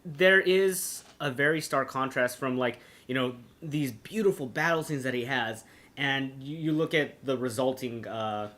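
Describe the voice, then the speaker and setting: A man's voice: medium pitch, a little slow, fairly bright tone. A young man hosting a podcast, joking and loose, with lots of fillers in a casual chat. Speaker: podcast host.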